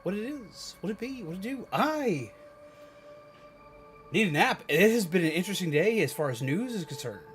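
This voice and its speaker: A male livestream host chats playfully with viewers, theatrical and exaggerating his emphasis. His voice is high-pitched, sing-song and a bit bright, at a moderate pace. Background music plays behind him.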